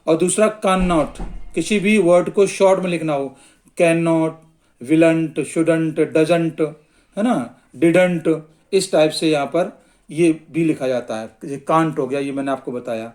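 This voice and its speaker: Slow-paced man teaching grammar. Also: a little high, a little mellow. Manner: slow, repetitive explaining, mixes English terms into Hindi. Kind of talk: whiteboard grammar lesson.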